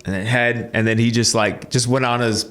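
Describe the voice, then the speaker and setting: A young man from Canada, a boxer, chatting easily as a podcast guest. His voice sits at an ordinary middle pitch, and he tells his stories in loose runs broken up by fillers and quick laughs. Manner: relaxed storytelling, frequent fillers and laughs. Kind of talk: casual interview.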